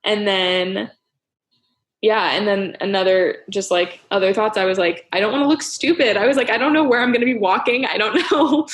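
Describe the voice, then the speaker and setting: A woman's voice: medium pitch, normal speed, fairly bright tone. A young woman hosting a casual podcast chat, rambling with lots of fillers and frequent laughs. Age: young adult. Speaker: podcast host.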